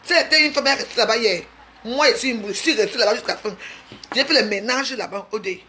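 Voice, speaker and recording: A woman's voice: a little high, quick pace, pushed and bright, a little hiss or hum. A woman, ranting in a casual gossip vlog, mocking and insulting with frequent laughter. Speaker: vlogger. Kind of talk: casual gossip rant to camera.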